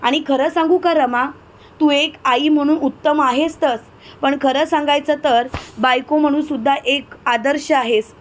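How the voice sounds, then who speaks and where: A woman's voice: high voice, steady tone, unhurried, a little hiss or hum. A woman voicing a proud, defiant young woman who speaks firmly and insistently. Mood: earnest.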